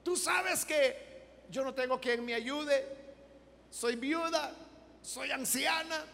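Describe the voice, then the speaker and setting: Preacher playing a high-pitched praying old widow, pleading, gravelly edge, echoey hall. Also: male voice, slow, bright, forceful tone, exaggerated voice. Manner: pleading, tearful prayer.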